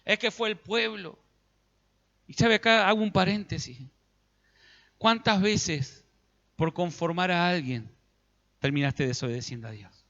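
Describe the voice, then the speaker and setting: A man's voice: a little high, fairly bright tone, big-room sound, highs cut off. A man with an Argentine Spanish accent, preaching a sermon as pastor and acting out biblical dialogue in everyday speech. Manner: preaching, acts out biblical dialogue in colloquial voices.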